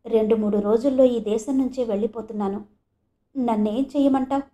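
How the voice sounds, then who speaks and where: Brief: woman reading a gentle, remorseful father, soft and grave, mellow tone. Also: fairly high pitch, steady tone, a little fast, natural voice. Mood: tender, remorseful. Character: gentle grown man, a remorseful tender father. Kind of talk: audio novel character voice.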